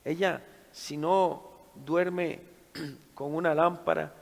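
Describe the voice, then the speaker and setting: A middle-aged man delivers a sermon built around a dramatic personal story, moving between hushed passages and loud bursts. His voice is gravelly and sits a little high. The sound carries a long reverb from a church hall. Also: steady tone, extremely slow. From Costa Rica. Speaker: preacher at a men's conference.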